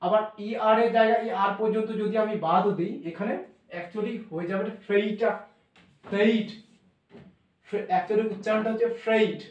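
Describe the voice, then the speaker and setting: A man teaching a class, explaining English pronunciation in a slow, repetitive classroom style, spelling words out and correcting himself. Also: high-pitched, dull audio. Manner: spells words out letter by letter, repeats and self-corrects. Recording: echoey room, voice from a distance.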